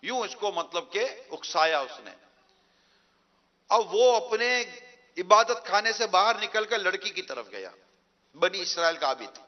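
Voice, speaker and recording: Male preacher, bright high voice, dull lo-fi recording, earnest sermon storytelling. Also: animated. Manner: earnest, drawn-out storytelling with slow emphatic endings.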